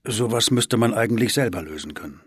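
Storybook father, tired and resigned, husky low voice, read by a man. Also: animated, a little fast, no room sound, clean studio sound. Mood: weary.

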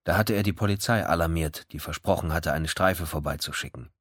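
A man reading a crime story aloud in measured, even audiobook narration. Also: deep voice, dry recording, clean studio sound.

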